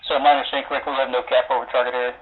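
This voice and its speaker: Man talking fast over a walkie-talkie. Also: medium pitch, flat delivery. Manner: brisk, procedural radio chatter. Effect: over a walkie-talkie radio. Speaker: pilot callsign in a military sim game. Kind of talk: clipped military radio procedure. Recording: tinny radio line with hiss.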